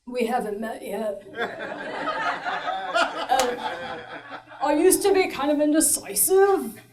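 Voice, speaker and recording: A woman's voice: high voice, big pitch swings, slow, crowd noise, full character voice. A woman playing a spacey young man who works as a body piercer, hesitant and rambling, in a stage show. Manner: hesitant, rambling, full of ums.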